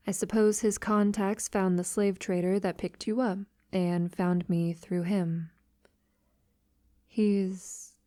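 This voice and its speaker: A woman voices a wealthy vampire lover, centuries old, in an intimate ASMR roleplay, speaking softly in a half-whisper with hesitant pauses. Her pitch sits in the middle, and the recording is dry and of studio quality.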